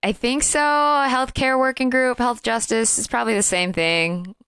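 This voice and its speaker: A woman's voice: fairly high pitch, fairly even intonation, moderate pace, a bit bright, clean tone, no echo. A woman co-hosting a casual podcast chat, wry and offhand, often laughing between points. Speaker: podcast co-host.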